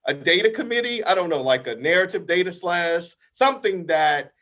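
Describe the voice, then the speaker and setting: Over a video call, a man with a big, high-pitched, slightly bright voice counsels a council as their invited expert. His intonation is lively and his pace moderate, and he argues emphatically, often closing with "right?" and frequently starting sentences over.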